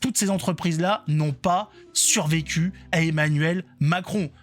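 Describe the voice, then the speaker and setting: High-voiced man giving sarcastic commentary. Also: a little slow. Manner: sarcastic, mocking, colloquial. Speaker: online political commentator. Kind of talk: informal reaction commentary.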